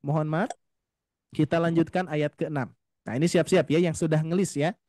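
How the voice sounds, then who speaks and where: A man with a fairly high voice leads an online recitation lesson, explaining each point patiently and politely. He often stretches out words as he models the pronunciation. The sound is dry and close, with no room echo. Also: fairly even intonation, a little mellow. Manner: patient, explains slowly, often addresses "Bapak Ibu", models recitation drawn out. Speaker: Quran recitation teacher. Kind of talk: online tajwid class. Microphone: video call.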